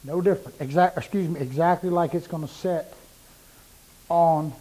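A man's voice: on the high side, normal speed, warm tone, rough recording. A middle-aged man demonstrating cuts in his woodworking shop, plain-spoken and repeating points for emphasis while he works, on a lapel mic. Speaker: woodworking instructor. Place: woodworking shop with power saws.

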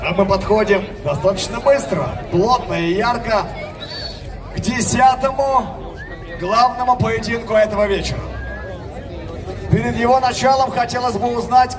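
A man's voice: very high-pitched, steady tone, moderate pace. A man working as a fight ring announcer, rousing the crowd in boxing-announcer style, projecting with showy delivery over outdoor stage speakers. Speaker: ring announcer at a mixed martial arts event. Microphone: recorded from far back in the crowd. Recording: distant PA outdoors, loud music and crowd.

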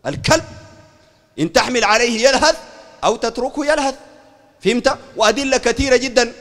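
A man's voice: extremely high pitch, fairly quick, a bit bright. A Sudanese sheikh with a Sudanese Arabic accent giving a heated polemical religious lecture, fiery, raising his voice and asking listeners again and again whether they understand. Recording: long hall reverb.

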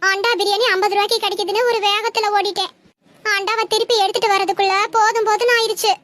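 A woman's voice: very high voice, fairly even intonation, quick pace, noisy background. A woman acting a worn-out mother who scolds and complains at length, in a comedy sketch. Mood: complaining. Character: exasperated mother, loud and scolding.

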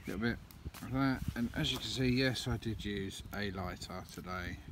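A man's voice: on the low side, moderate pace. Rambling man vlogging outdoors. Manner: rambling, many ums, chatty. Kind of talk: casual vlog narration. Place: woodland campsite and path outdoors. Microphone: phone camera held at arm's length. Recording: outdoor phone audio with clear background noise.

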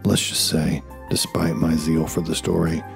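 Very deep-voiced man narrating wryly. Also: little pitch movement, moderate pace, creaky. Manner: wry, self-deprecating asides. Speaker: YouTube narrator. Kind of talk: scripted documentary narration. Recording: faint music behind voice. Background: faint music.

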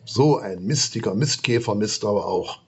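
A man's voice: lowish voice, expressive, moderate pace, darkish tone, slightly rough. A man voicing a small, shaggy, grumpy monster that grumbles and snaps short answers in a storybook reading.

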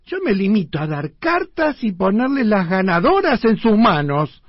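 An actor in a comic radio play portrays a cocky, stubborn tenement man, speaking in a slangy, emphatic way with an Argentine accent and Buenos Aires slang. His voice is mid-range and sing-song with a breathy edge at a moderate pace, recorded without echo but with dull audio.

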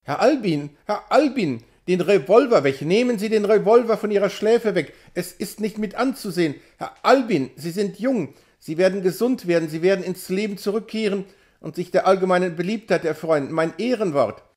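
A man's voice: high voice, normal speed, darkish tone, close to an everyday voice. A man reading an audiobook, voicing a fussy, motherly woman who pleads in a raised, imploring voice. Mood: pleading.

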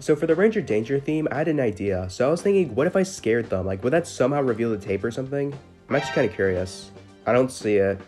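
A gaming video host gives casual, slangy commentary over gameplay in an informal way, with music playing behind him. His voice sits on the low side and is a little mellow.

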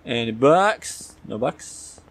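A man's voice: mid-range voice, lively intonation, slow, a bit bright, breathy edge. A young man commenting casually on a horror game as a scared streamer, jittery and slangy, muttering to himself. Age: young adult.

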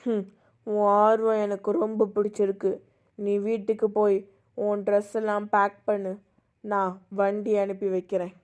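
A woman voicing a scheming older woman who calmly gives orders in an amateur voice drama. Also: mid-range voice, normal speed, smooth, close to an everyday voice. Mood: commanding. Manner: calm, commanding, instructive.

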